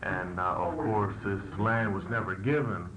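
A young man giving an earnest political statement in an interview on old worn tape. He speaks haltingly, with many fillers. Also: fairly low pitch, lively intonation, a crowd in the background. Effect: old worn archival tape. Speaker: political party leader being interviewed. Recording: hissy old tape recording.

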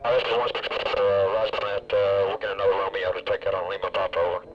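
A man on a field radio breaking up, deep and hurried. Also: little pitch movement. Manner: clipped call-sign talk, fillers before each call. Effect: radio breaking up, broken but readable. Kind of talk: military radio procedure talk. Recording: crackling lo-fi field radio with loud static.

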